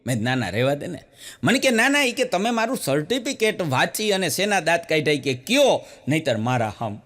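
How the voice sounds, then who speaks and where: Gujarati man telling folksy jokes. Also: brisk. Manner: animated, voices women in his jokes with a raised pitch. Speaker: stand-up comedian.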